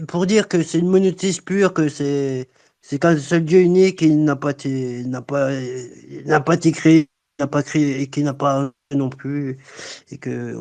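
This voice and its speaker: A man guest in a casual live audio chat, speaking haltingly and repeating himself. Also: on the high side, a little mellow.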